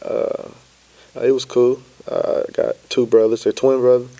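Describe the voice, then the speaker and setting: A young man from Florida, a podcast guest telling his story in an easygoing, relaxed way. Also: medium pitch, unhurried. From Pensacola, Florida. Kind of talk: casual interview chat.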